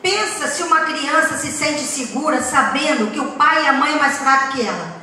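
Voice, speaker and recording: A high, bright-voiced woman addresses parents in a lecture, leaning hard on her points and tossing out rhetorical questions. She is heard from a distance in a very echoey hall with a faint hiss behind her. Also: moderate pace. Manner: emphatic, with rhetorical questions and humorous anecdotes. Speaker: speaker at a parenting talk.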